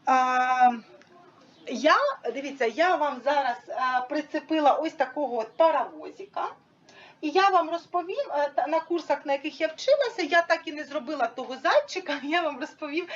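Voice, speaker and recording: Woman with a high, animated voice, teaching with props and pausing on fillers. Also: dull audio, slight background noise. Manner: hesitant, many fillers, demonstrates with props. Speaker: teacher explaining a method. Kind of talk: informal instructional talk.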